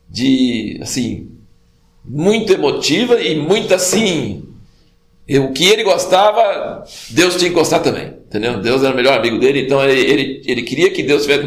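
Animated man teaching a sermon. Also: mid-range voice. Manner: conversational, animated, tag questions like "né?" and "entendeu?". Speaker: Bible teacher. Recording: roomy echo.

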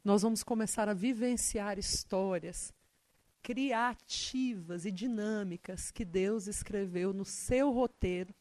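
A woman preaching a sermon, telling a personal story in an animated way, her voice rising when she gets excited. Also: mid-range voice, slow, no echo.

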